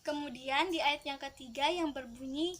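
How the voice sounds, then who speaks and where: A woman's voice: high voice, normal speed, a bit bright. A woman teaching young children to recite, patiently modelling each sound for them to repeat. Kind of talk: Quran recitation lesson.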